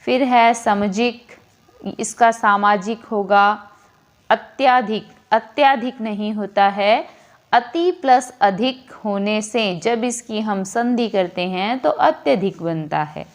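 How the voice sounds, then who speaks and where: A woman teacher explaining a grammar lesson slowly and deliberately, repeating each word as she corrects it. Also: medium pitch.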